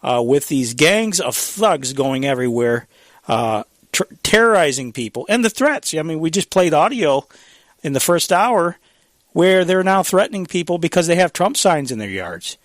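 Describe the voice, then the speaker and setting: A man's voice: on the high side, very animated, moderate pace, dry recording. A man hosting a live radio talk show, speaking casually with fillers, restarts and little chuckles. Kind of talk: casual political commentary.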